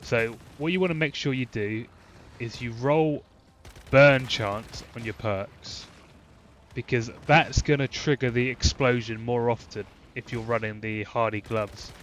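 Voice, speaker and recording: Blocked up with a cold, a man who hosts a gaming channel rambles through an explanation of a game build, restarting often and leaning on fillers. His mid-range voice is fairly bright and measured in pace. In-game gunfire and explosions play behind him, and there's slight background noise.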